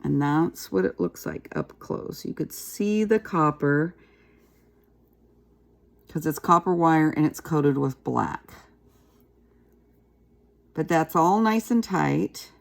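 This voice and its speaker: Gravelly-voiced woman teaching a craft. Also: low voice, slow, long pauses. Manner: chatty, relaxed, talks while working with her hands. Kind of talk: casual craft tutorial.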